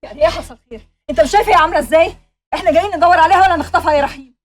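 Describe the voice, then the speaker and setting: A woman's voice: extremely high pitch, rapid-fire, slight background noise. An actress playing a woman doctor with an Egyptian accent, reproachful toward a thug and soothing toward a frightened girl. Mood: protective reproach.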